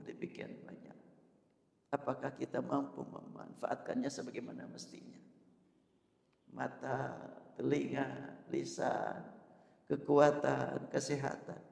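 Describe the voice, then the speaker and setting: A man preaching a sermon in a mosque hall, swinging from loud emphasis to a hushed, near-whispered delivery. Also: medium pitch, vocal fry. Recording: echoey hall with long reverb.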